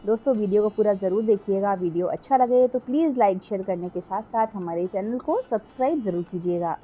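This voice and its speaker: A woman's voice: medium pitch, a little fast, warm tone, slight background noise. A middle-aged woman narrating a cooking vlog, chatty, explaining each step and often speaking straight to her viewers. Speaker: cooking vlogger. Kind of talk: casual voice-over cooking vlog.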